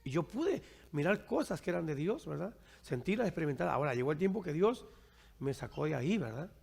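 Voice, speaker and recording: A male pastor preaches and answers his congregation's questions. His voice is heavily gravelly and sits high for a man. He keeps tagging his points with "right?", and the sound rings through a reverberant church hall. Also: very animated, brisk, a little mellow. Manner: keeps asking "¿verdad?" and addresses listeners as brother.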